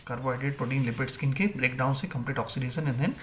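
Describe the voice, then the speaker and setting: A man's voice: medium pitch, fairly even intonation, rapid-fire, slight background noise. A male biology teacher gives an exam-prep lecture, asking questions and answering them himself, and mixing English terms into Hindi.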